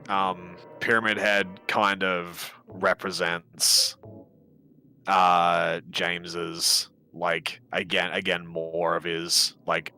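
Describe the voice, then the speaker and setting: A man's voice: deep voice, bright, forceful tone, rough recording. A man casually explaining a horror game's story and symbolism to a player on a live stream, talkative and full of fillers.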